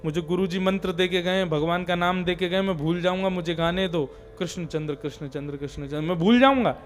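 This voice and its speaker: A man voicing a simple village farmer who anxiously keeps repeating his mantra in a soft, low murmur so he won't forget it. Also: brisk, slight background noise, close to an everyday voice.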